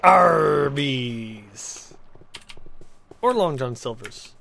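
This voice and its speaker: A man's voice: medium pitch, lively intonation, drawn-out words, gravelly, sharp tone, a little hiss or hum. A man hosting a casual build video with friends, joking in pirate talk, laughing often and stumbling over his words. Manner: jokey, laughs often, stammers into restarts, hams up pirate talk. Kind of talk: casual chat among friends.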